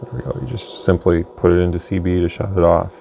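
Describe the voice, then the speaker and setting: At a quick pace, a man with a low voice and vocal fry gives a loose, rambling, plain-spoken product demonstration from his indoor workbench. He is a radio bench reviewer and channel host, recorded with faint background noise and room ambience.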